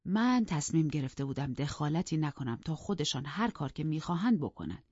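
Low-voiced woman reading a novel aloud. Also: dry recording, highs cut off. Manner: measured, calm storytelling. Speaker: audiobook narrator. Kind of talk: scripted narration of a novel.

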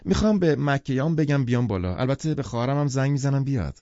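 A man's voice: medium pitch, expressive, mellow, dry recording, highs cut off, voice pushed up, close to an everyday voice. A man voicing an eager, showy young woman in an audiobook, gushing and demanding. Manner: gushing and quick. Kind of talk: audiobook character voice.

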